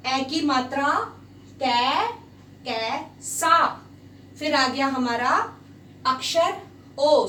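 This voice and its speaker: High-pitched lady teaching hindi, slow and patient, faint hiss behind. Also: fairly bright tone. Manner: patient, repeats sounds slowly and switches into English. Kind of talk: slow spoken language lesson. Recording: echoey room, voice a bit far from the mic, faint hiss.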